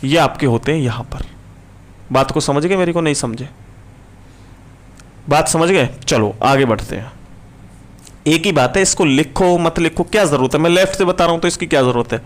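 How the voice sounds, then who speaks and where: A male teacher running a live online reasoning class, repeating questions and answers to his students as he works through problems. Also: on the high side. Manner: brisk, repetitive questioning of students.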